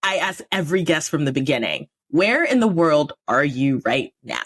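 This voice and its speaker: Low-voiced woman hosting a podcast. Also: very animated, moderate pace, slightly rough. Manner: chatty, laughs often. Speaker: podcast host. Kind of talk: casual podcast interview.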